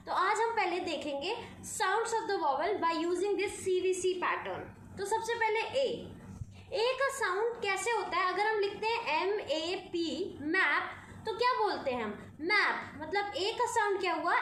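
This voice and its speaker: Teacher lady, very high voice, slow, spells words out then says them, echoey room w faint hiss. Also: a bit bright. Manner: slow, repeats each word after spelling it out; mixes Hindi and English, asks questions and answers them. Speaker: English teacher. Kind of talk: phonics lesson.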